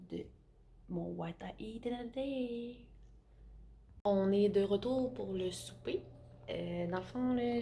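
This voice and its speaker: Young Québécoise woman, home cooking vlog, rambling and casual, gravelly and mellow tone. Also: mid-range voice, slight background noise. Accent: Québécois French. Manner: chatty, rambling, with many fillers. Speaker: vlogger. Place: home kitchen.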